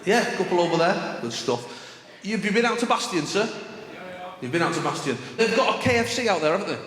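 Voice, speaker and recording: Expressive and fairly quick, a man with a high, slightly bright voice and a Mancunian accent does stand-up on a large stage. He tells stories in a chatty way and acts out exchanges for the live crowd, with the echoey hall carrying clear background noise.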